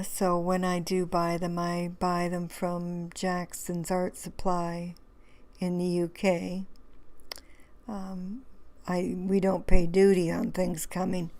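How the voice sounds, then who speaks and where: Hoarse woman, slow and flat. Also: fairly low pitch. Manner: rambling, with many fillers and restarts. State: hoarse, losing her voice. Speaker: craft video host. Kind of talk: relaxed crafting tutorial voice-over.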